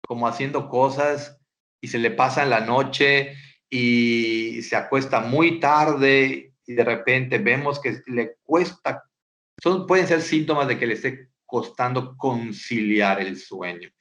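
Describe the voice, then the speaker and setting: A man gives a webinar presentation as a school psychologist, speaking at a slow, unhurried pace. He hesitates, repeats words and keeps checking in with the audience through rhetorical questions. His voice sits at a middling pitch. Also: fairly bright tone.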